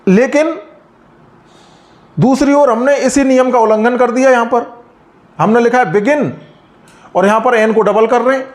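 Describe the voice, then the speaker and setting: High-voiced man teaching grammar. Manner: patient, repeats and stresses example words slowly. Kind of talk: explaining a lesson.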